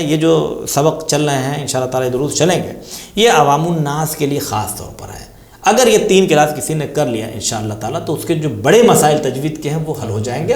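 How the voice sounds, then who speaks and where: Man with an Indian Urdu accent, slightly high voice, patient lesson explanation, repeats key terms, echoey room. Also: a little mellow. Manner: patient, repeats key terms, asks and answers own questions. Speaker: tajweed teacher.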